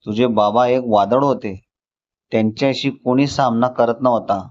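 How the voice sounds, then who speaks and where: A man's voice: mid-range voice, steady tone, normal speed, darkish tone, natural voice. A man voicing a sleepy, blunt old mother in a storybook, with an offhand reading. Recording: slightly dull lo-fi recording.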